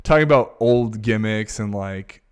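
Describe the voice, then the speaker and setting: A man's voice: on the low side, measured pace, clear, resonant tone. Laid-back Californian man chatting. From Bay Area, California. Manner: laid-back, drawling surfer-like delivery. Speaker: guest. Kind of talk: casual podcast chat.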